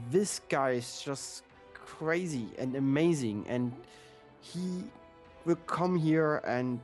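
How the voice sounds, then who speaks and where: A man's voice: on the high side, a little mellow. A man playing a grumpy, boastful prisoner who grumbles and curses theatrically, in a comedy audio play.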